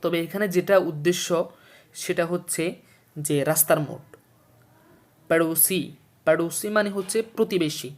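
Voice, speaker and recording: Speaking a little high, this male teacher from Bangladesh explains an Urdu textbook lesson for a video series without hurrying. He introduces each word, gives its meaning, says both again, and repeatedly tests viewers with questions to see that they are keeping up.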